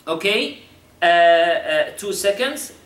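A man's voice: high-pitched, expressive, very slow, fairly bright tone, reverberant, recorded from a distance. A man teaching Quran recitation with Tajweed, explaining in English and patiently repeating syllables to demonstrate.

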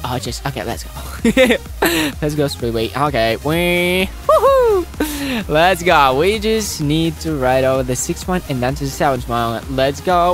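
Wildly animated gameplay commentator. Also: mid-range voice. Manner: shrieks and pleads with rapid repeated words; frequent giggling. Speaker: gameplay video host.

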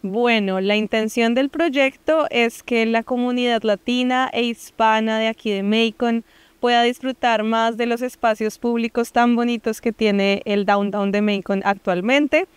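A woman's voice: a little high, steady tone, measured pace, smooth, no room sound. A woman in her thirties from Colombia with a Colombian accent, giving an earnest interview outdoors into a handheld mic, with frequent fillers. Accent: Colombian Spanish. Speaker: interviewee, project founder. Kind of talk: on-camera interview. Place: downtown plaza outdoors.

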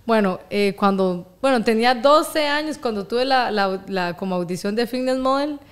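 A young woman with a Costa Rican accent, telling her story as an interview guest, lively and laughing often. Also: a little high, moderate pace, clear, resonant tone. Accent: Costa Rican Spanish. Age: young adult. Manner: animated, laughs often, acts out quoted voices. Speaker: guest, boxing champion.

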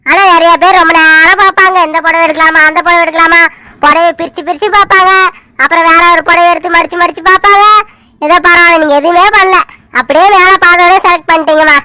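A woman's voice: very high voice, fairly even intonation, fast, sharp tone, no echo. A woman voicing a polite, talkative male saree seller in a village family cartoon. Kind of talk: animated cartoon serial voice.

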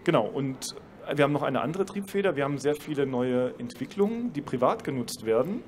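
A male professor with a medium-pitched, lively voice speaks fairly quickly during a panel on a trade fair stage. Holding a handheld mic that carries a slight hiss or hum, he explains things at length and slips in dry, ironic comments.

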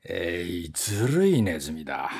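A man voicing a gruff, suspicious male servant who grumbles in a lower, rougher voice. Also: huge pitch swings, unhurried, a little mellow, full character voice. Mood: grumbling.

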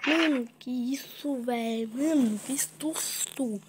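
A woman's voice: high-pitched, normal speed. A woman with a Brazilian accent commenting casually on gameplay as a panicking, startled gamer who keeps exclaiming. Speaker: gaming YouTuber. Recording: noisy mobile game recording with clicks.

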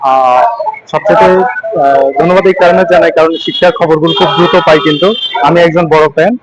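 A man's voice: a little high, quick pace, over loud music, low-quality recording. A man from Cumilla, Bangladesh, earnestly recounting his exam interview with a few hesitant fillers. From Laksam, Cumilla, Bangladesh. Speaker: exam candidate interviewed after viva. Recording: loud crowd chatter around.

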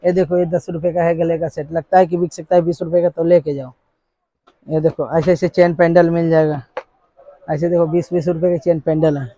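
A man in his thirties working as a wholesale shopkeeper, showing goods and listing prices in a brisk, repetitive sales patter inside a crowded shop. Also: fairly high pitch, level tone, dark tone, no echo, dull audio. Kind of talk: sales pitch to a vlogger. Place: crowded cosmetics shop, indoors.

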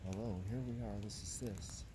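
A yoga instructor in his fifties with a lowish voice muses slowly while doing yoga outdoors in a forest, slightly out of breath. His meandering vlog talk is steady in tone, full of drawn-out phrases, sighs and soft laughs. A phone camera on the ground records him, and background noise can be heard.

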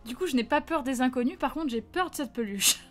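A young woman streamer with a high, bright voice tells childhood stories with lively energy. She acts out the dialogue and chats casually with her viewers, with faint music playing under her voice. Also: brisk. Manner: lively anecdote-telling, acts out quotes, reads chat. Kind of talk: casual live-stream chat and storytelling.

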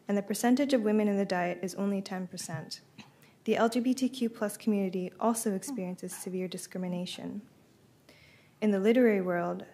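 A woman's voice: mid-range voice, mellow. A young woman reading a prepared text aloud at a lectern microphone on behalf of an author. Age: young adult. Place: library meeting room, at a lectern. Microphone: lectern gooseneck microphone.

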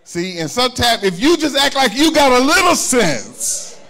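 A middle-aged pastor preaches in a church sanctuary using a handheld microphone. His sermon is conversational, with call-and-response asides as he chats with the congregation. His voice is very high, very animated, pushed and bright, at normal speed.

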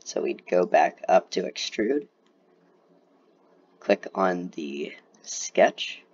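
A man's voice: low voice, very slow, darkish tone, husky. A young man who is a little sick, casually explaining a CAD tutorial over a screen recording, with lots of fillers. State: sick, slightly congested. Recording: dull, lo-fi voice recording.

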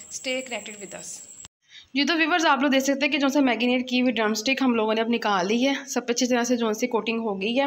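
Filmed on a phone in a home kitchen, a woman narrates a casual cooking tutorial for her channel, offering Islamic blessings ahead of every step. She's relaxed and talkative with a fairly high voice and a habit of repeating words, and a soft hum of room noise runs underneath.

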